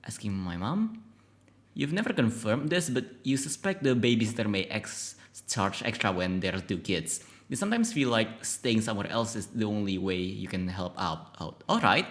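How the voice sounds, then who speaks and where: Casting: male game streamer, lively pitch, bright tone, stumbles and swears while reading. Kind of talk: playing and reading a text horror game aloud.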